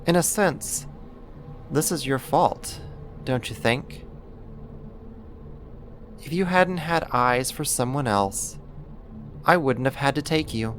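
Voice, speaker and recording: Acting as an obsessive neighbor who turned kidnapper in an ASMR roleplay, the speaker uses a mid-range, slightly bright voice that is intimate, deliberate, and controlling. The mood is obsessive and self-justifying, and there's a little hiss or hum.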